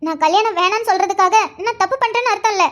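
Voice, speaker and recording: A woman's voice: very high-pitched, racing, a bit bright. A woman voicing a young woman, a tearful younger sister who speaks in a pleading way, in a cartoon. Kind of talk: cartoon voice acting.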